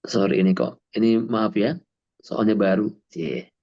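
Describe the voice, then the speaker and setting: A man's voice: fairly low pitch, expressive, measured pace, a little mellow. A man giving a talk as a parenting coach, emphatic, asking rhetorical questions and answering them himself. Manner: emphatic, asks and answers his own questions. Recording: dull lo-fi sound.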